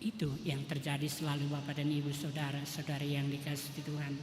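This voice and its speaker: Priest preaching in an echoey church. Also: male voice, a little high, monotone, fairly quick. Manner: emphatic preaching, tag 'toh' often. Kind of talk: sermon. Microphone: livestream mic in church. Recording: echoey church hall, faint noise.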